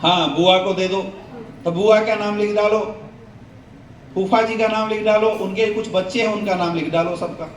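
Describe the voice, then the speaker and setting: A man with a high, steady voice delivers a motivational sales training seminar at a moderate pace, drawing the audience into call-and-response questions. He's picked up by a distant mic in an echoey hall, with a faint hiss or hum.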